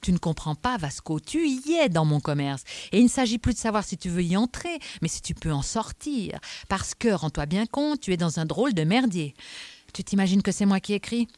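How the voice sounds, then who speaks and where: A woman reading aloud, voicing an irritable male police inspector who speaks in a forceful, emphatic, scolding way. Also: mid-range voice, sing-song, moderate pace, no room sound, pitched above the performer's own voice, lightly acted. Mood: pressing.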